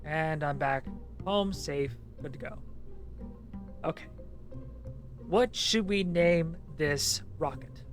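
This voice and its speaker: A man's voice: fairly high pitch, slow pace, long pauses, soft background music. A man streaming a game with a co-host, casually talking himself through each step and swearing now and then. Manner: narrates each step under his breath, easygoing and swearing.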